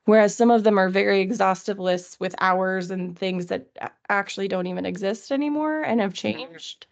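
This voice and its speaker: A woman's voice: medium pitch, moderate pace, creaky. A woman chatting casually at a city committee meeting, presenting a resource list in a chatty, self-deprecating way. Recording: dull lo-fi meeting recording.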